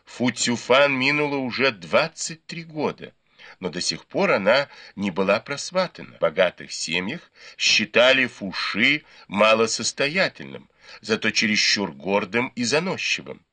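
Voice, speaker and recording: A man narrating a classic novel as an audiobook, in measured storytelling. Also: fairly low pitch, sing-song, pushed and bright, dry recording. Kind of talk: scripted narration.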